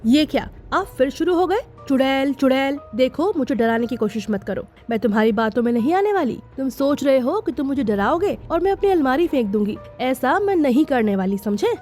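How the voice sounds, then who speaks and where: A woman voicing a chatty, stubborn young wife in an animated story. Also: high-pitched, fairly quick, hardly any pauses, soft background music. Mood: defiant. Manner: chatty, teasing, defiant.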